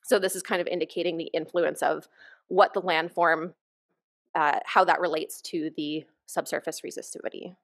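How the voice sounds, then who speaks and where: A woman's voice: sits low, steady tone, moderate pace, gravelly. A woman researcher giving a conference keynote from a lectern, explaining her work in an enthusiastic, informal way. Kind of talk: conference presentation. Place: conference hall stage, at a lectern.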